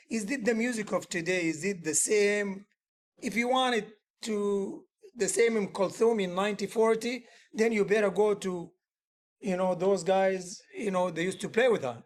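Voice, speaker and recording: In an informal workshop, a high-voiced male musician and teacher wanders earnestly from point to point. He often abandons a sentence to begin again, and his grammar stays loose.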